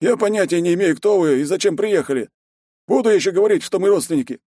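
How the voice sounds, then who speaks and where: Man doing a high, cagey village headman. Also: expressive, fast, dark tone, no room sound. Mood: sly. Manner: folksy, cagey, wheedling. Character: wary folksy village headman, middle-aged male warrior.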